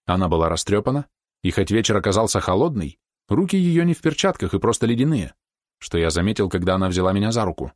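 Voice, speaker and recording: Man, audiobook narrator, low voice, measured, dry close recording. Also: big pitch swings, dry recording. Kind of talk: scripted first-person narration.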